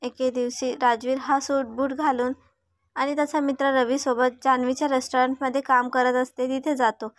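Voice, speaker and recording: A woman narrating a serialized story in a steady, even reading voice. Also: sits high, moderate pace, no echo, clean studio sound. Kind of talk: read-aloud story narration.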